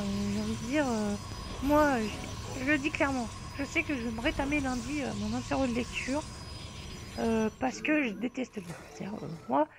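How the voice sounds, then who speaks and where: A man's voice: extremely high pitch, noisy background. A teenage boy hosting a casual chat, rambling and self-mocking as he talks. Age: teen. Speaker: YouTuber host. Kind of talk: casual chat over voice call.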